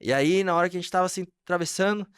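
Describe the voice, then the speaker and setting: A man's voice: sits high, racing, smooth, no echo, clean studio sound. A man, a podcast guest, telling an emotional personal testimony and acting out the voices in his dialogue.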